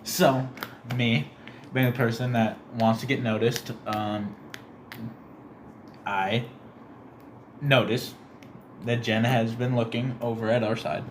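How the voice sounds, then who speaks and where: A young man co-hosting a casual podcast, telling stories animatedly and acting out quotes in a squeaky high voice. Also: fairly even intonation, slow, long pauses, slight background noise. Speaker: podcast co-host. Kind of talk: casual chat.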